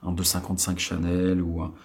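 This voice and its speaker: Male vlog host, late 30s, from France: gravelly fry, casual rambling delivery full of fillers, attic room. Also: low voice, completely flat delivery, fairly quick, a little mellow. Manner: rambling, many fillers and restarts. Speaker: watch channel host. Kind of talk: casual vlog talk to viewers.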